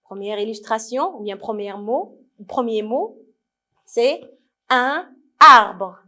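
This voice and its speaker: Slow, patient woman teaching young children. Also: fairly high pitch, expressive, a little mellow. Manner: slow, patient, drawing out words syllable by syllable; asks questions to young pupils and praises them. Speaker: primary school French teacher. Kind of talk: televised distance-learning lesson.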